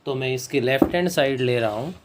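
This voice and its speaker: Working through a proof on the board one step at a time, a male maths teacher frequently checks in with his class. His mid-range voice is slow and deliberate as he dictates English phrases word by word, with background noise present.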